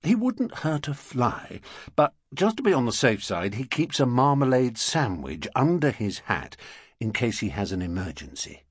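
A man doing a brisk, harried husband. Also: medium pitch, big pitch swings, breathy edge, dry recording, studio quality, voice pushed up. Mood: exasperated. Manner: brisk, exasperated. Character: harried middle-aged English husband.

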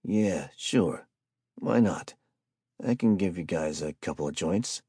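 A man voicing a gentle, grieving homeless man who speaks softly and guardedly in a spoken story. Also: low voice, expressive, slow pace, breathy edge, no echo, studio quality, heavily acted. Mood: wary. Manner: soft, guarded and plain-spoken.

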